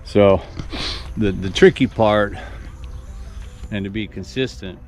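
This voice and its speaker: Planning a build out loud, this sixty-something man who vlogs about his farm rambles and restarts frequently at an outdoor construction site there. He speaks slowly in a lowish, slightly mellow voice, with faint music behind him.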